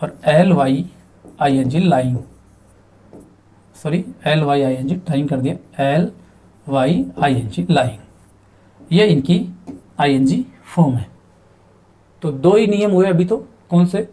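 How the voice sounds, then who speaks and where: Male teacher, mellow and fairly high voice, patient classroom explaining, spells out words. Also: animated. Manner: explains slowly, spells words letter by letter, asks and answers his own questions. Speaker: English teacher. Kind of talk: spoken grammar lesson at a board.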